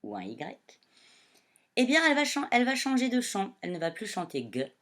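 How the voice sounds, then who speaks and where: A woman primary school teacher giving a reading lesson to young children, speaking slowly and clearly as she addresses them. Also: medium pitch, huge pitch swings, fairly bright tone.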